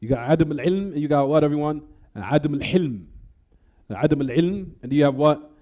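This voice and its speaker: Teaching hadith in a high-ish, dark voice, this Islamic teacher keeps quizzing the room and supplying the answers himself. He rattles off Arabic recitations between straightforward explanations.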